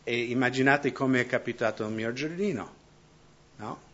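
A man preaching a conversational sermon who keeps checking in with the congregation with quick tag questions. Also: medium pitch, fairly bright tone, muffled recording. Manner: keeps asking the congregation "no?" and "giusto?".

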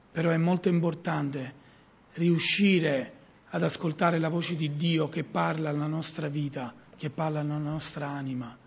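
Middle-aged guy preaching a sermon, high gravelly husky voice, earnest, muffled lo-fi sound. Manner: earnest, rising and falling emphasis. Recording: muffled lo-fi recording.

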